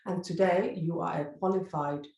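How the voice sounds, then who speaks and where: Woman podcast host, low gravelly voice, super enthusiastic, trips over words sometimes, echoey room w faint music. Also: steady tone, normal speed, a little mellow, slight background noise. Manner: effusive, stumbles over words. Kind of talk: enthusiastic interview hosting.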